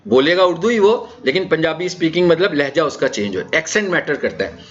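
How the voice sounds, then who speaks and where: With a fairly high, expressive voice and a slightly quick delivery, a man with a Pakistani accent gives a conversational digital marketing lecture at an orientation. He explains concepts and checks in via rhetorical questions, and the session audio is dull and lo-fi.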